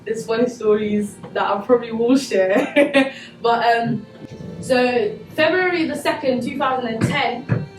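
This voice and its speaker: High-voiced young woman in echoey hall. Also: unhurried. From Congo. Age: young adult. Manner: earnest, conversational, many fillers like "you know". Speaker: guest speaker at a school. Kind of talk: motivational talk to students. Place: school hall. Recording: echoey hall, distant mic, music behind.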